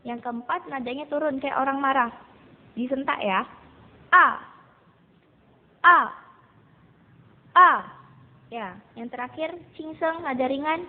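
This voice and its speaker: A woman teaching a beginner Mandarin lesson to students, patiently explaining and repeating drills slowly. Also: high-pitched. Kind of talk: recorded classroom lesson. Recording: tinny phone-like recording with faint noise.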